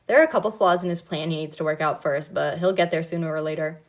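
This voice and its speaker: A woman's voice: low voice, fast talker, lightly acted. Woman doing a dry, sarcastic young man. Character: sardonic, cold young man.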